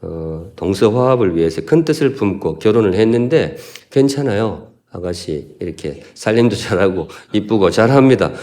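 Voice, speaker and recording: The speaker is a male pastor from Gyeongsan, South Korea, in North Gyeongsang, whose mid-range voice has a darkish tone. He delivers his sermon with folksy humor, questioning the congregation as he goes.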